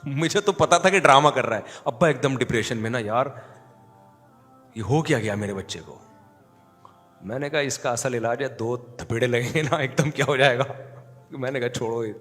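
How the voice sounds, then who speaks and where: Man, religious scholar, animated joking sermon, mid pitch, long hall echo, faint music. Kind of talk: sermon storytelling.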